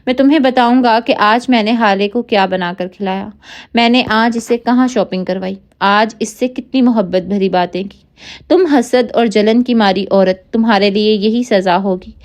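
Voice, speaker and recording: A vengeful, cold-hearted man speaks in a menacing way, read by a woman narrator. The voice stays close to her own, with a mid-range pitch. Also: lightly acted.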